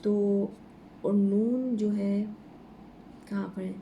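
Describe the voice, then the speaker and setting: A woman giving an informal Quran lesson, walking slowly through the letters of each verse. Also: mid-range voice, steady tone, mellow, a little hiss or hum. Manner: slow, explaining letter by letter. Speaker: Quran teacher.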